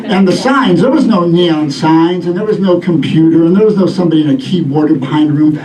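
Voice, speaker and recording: Echoey, high-pitched middle-aged male stand-up comedian. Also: a little fast, a crowd in the background. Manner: rambling storyteller delivery, acting out bits. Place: live comedy venue with audience. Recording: echoey club room, distant mic, audience laughter.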